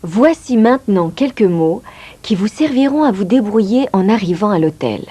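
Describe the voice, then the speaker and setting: A woman's voice: mid-range voice, expressive, moderate pace, mellow, slightly rough. A woman teaching English in a scripted lesson, carefully explaining pronunciation. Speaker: language teacher.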